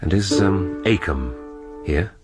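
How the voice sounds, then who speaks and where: An actor playing a dry, probing police inspector in a radio drama. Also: male voice, deep voice, expressive, loud music behind the voice. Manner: dry, probing, unhurried questioning. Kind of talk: BBC radio drama acting.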